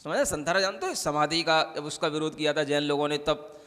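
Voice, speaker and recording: A man's voice: a little high, a little fast, fairly bright tone. A man, a monk, giving a conversational sermon and often checking that listeners follow. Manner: conversational preaching, keeps asking "समझ आ रहा है?". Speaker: Jain monk. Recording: long hall reverb.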